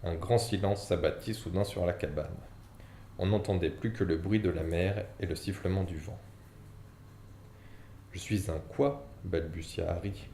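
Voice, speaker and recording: A man narrates a storybook at a steady pace in a low, gravelly, mellow voice. It sounds like an audiobook recorded in a roomy space, with a faint hiss behind it. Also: normal speed. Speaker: reader. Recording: echoey room, faint background noise.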